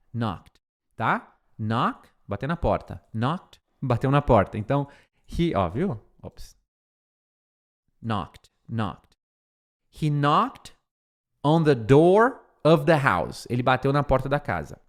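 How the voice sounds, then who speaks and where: A man with a Brazilian Portuguese accent teaching an English lesson, explaining in Portuguese and slowly repeating English words to drill pronunciation. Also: mid-range voice, a bit bright.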